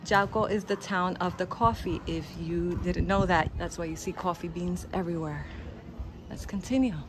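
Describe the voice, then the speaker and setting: A woman's voice: on the low side, moderate pace. A young woman casually narrating a walking tour while filming on a handheld phone outdoors, upbeat, chatty and playful. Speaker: travel vlogger. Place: outdoors on town streets and stairs. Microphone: handheld phone camera on a selfie stick. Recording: loud outdoor noise, street and wind.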